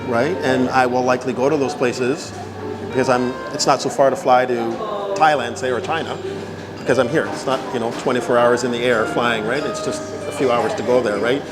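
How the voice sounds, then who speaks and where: Speaking over loud music, this man from Canada, in his fifties, answers an interviewer at length in a casual, talkative way. His voice is medium-pitched and steady, fairly quick, and he often checks for agreement with "right?"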